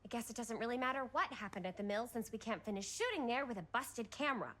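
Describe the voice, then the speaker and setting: An actress voicing a quick, matter-of-fact teenage girl filmmaker in a video game. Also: a little high, animated, a bit bright.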